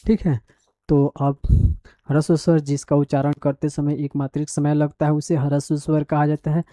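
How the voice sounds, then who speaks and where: A male teacher giving a school grammar lesson, dictating definitions slowly word by word as he writes them down and asking the class questions along the way. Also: fairly high pitch, little pitch movement, warm tone, no echo. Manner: repeats definitions and quizzes the class.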